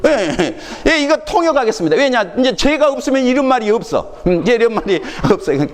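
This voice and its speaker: A man with a Jeolla accent preaching from the pulpit, his voice high-pitched and swinging widely in pitch as he jokes and questions the congregation. The sound carries a long church-hall reverb over a faint hiss. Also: fairly quick. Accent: Jeolla dialect. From Jeolla region, Korea. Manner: animated storytelling, quizzing the congregation and laughing along. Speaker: pastor. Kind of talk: sermon. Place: church sanctuary.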